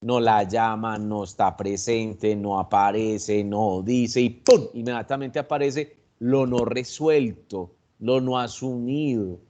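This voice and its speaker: A man with a Colombian accent, a psychologist explaining anxiety in a reflective, measured way, pausing and restarting as he thinks. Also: on the low side, darkish tone, dull audio. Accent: Colombian Spanish. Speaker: psychologist guest. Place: online video session.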